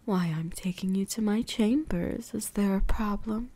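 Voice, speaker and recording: Speaking in a mid-range voice, a woman performs ASMR roleplay as a vampire huntress who is possessive and teasing. Her delivery is breathy, whispered, deliberate, and softly menacing.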